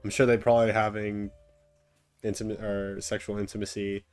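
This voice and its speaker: Young man musing over a clip, low voice. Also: level tone, fairly quick, clear, resonant tone, soft background music. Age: young adult. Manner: musing, hesitant, many fillers. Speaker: reaction video host. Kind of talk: casual commentary over a clip.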